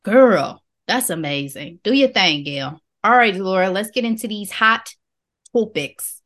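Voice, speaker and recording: A woman's voice: mid-range voice, expressive, unhurried, a bit bright. An American woman co-hosting a chatty podcast. She reads out the headlines, then drops into slangy, easygoing banter with her co-host. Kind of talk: casual chat.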